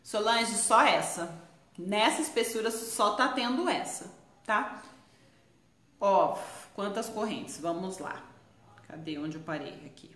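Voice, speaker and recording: A woman with a Brazilian Portuguese accent, teaching crochet on a live stream in her shop, chatty and quick to laugh. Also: medium pitch, lively intonation, fairly bright tone, roomy sound. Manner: chatty, laughs often, exclaims "ai, gente".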